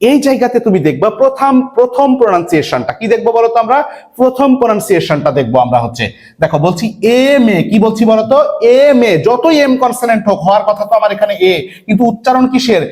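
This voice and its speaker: A man from Bangladesh teaching an English admission-test lesson online, who asks his students questions, answers them himself and repeats words slowly. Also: sits high, very animated, darkish tone. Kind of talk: online lecture.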